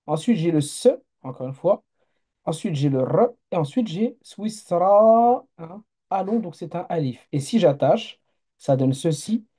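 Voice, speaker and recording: Patient male teacher, dark mellow tone, runs a live online class and checks on learners. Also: fairly high pitch, expressive, normal speed, husky. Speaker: Arabic teacher.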